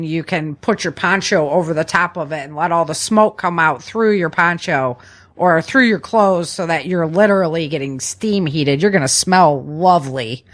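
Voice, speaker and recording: A woman with a fairly low pitch and a fairly bright tone hosts a podcast of survival tips. She reads from notes in a chatty, instructive way and keeps checking in with "right?"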